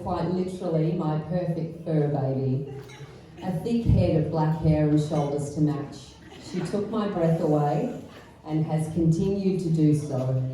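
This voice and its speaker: A middle-aged woman delivers an affectionate, deadpan wedding roast as mother of the bride. Her voice is soft-edged and mellow. It is picked up from a distance in a very echoey venue, with faint noise behind her. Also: deep voice. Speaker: mother of the bride giving a speech. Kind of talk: wedding speech read aloud, affectionate roast.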